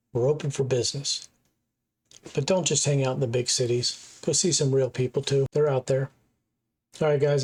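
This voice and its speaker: A man's voice: on the high side, a little mellow. A middle-aged man from the United States hosting a reaction channel, making his points in a casual, earnest way and repeating them for emphasis.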